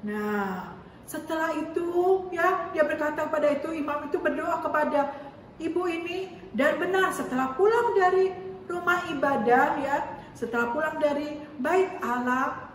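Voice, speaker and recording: A high-voiced woman teacher tells children a Bible story in an animated, chatty way, often checking in with them. She sounds far from the mic in a very echoey room, with faint noise underneath. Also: a little slow. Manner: animated, talks to kids with many "ya" and "nih". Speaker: Sunday school teacher.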